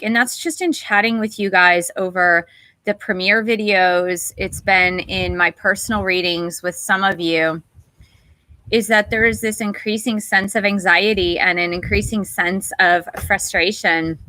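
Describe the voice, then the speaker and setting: Woman host of a spiritual livestream, bright, close dry sound, unhurried and gentle, welcomes chat viewers. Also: mid-range voice, no room sound. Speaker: meditation teacher and channel host. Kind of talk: livestream talk before a guided meditation.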